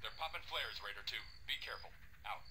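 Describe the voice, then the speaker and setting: A man's voice: medium pitch, animated, quick pace. A man voicing a soldier crackling over radio static. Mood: warning. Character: male soldier calling in over radio, clipped and calm. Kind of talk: terse military radio chatter.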